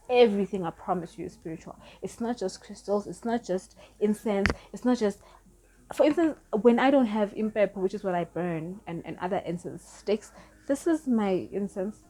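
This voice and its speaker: This spiritual vlogger, a non-native English speaker in her thirties, rambles earnestly through spiritual advice in a relaxed vlog, frequently correcting herself along the way. She has a mellow, mid-range voice.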